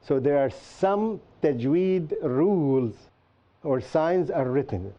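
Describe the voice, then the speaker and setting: A man's voice: a little high, animated, slow. A man teaching a class, often asking students what else they can name and explaining patiently with examples. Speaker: Qur'an teacher and show host. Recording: dull lo-fi recording.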